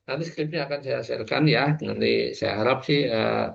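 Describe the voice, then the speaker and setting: A man gives an online lecture, explaining step by step with frequent fillers. His voice is gravelly and sits in a middling pitch. The video call audio is muffled. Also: moderate pace.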